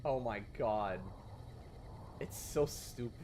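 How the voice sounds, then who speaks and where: A man talking over his gameplay in a loose, rambling way, often correcting himself mid-sentence and dropping sarcastic remarks. His voice sits at a middling pitch. A steady hiss and the odd click run under the stream audio. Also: takes it slowly. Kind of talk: casual gameplay commentary.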